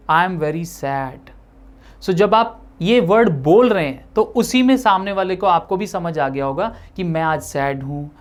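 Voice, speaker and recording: A man leads a language lesson in an explanatory teaching manner. He addresses the viewer directly and works through everyday examples point by point. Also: high-pitched. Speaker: English teacher.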